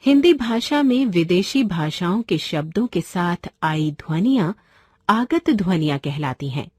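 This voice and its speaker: A woman teacher giving a Hindi grammar lesson, slowly spelling out letters and example words one by one. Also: fairly low pitch, expressive, darkish tone, slightly rough, dry recording, clean studio sound.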